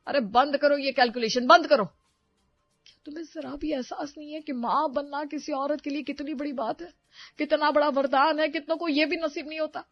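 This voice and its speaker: A woman's voice: on the high side, measured pace, dry recording. A woman voicing a young husband who pleads with and scolds his wife in exasperation. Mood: angry. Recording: dry, dull lo-fi with faint music.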